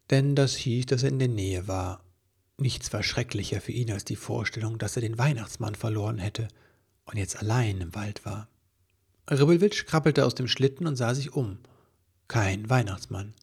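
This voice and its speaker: Male narrator for a children's story; lively read, gravelly, husky tone. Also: mid-range voice. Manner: lively reading with voices for the characters. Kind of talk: storybook reading.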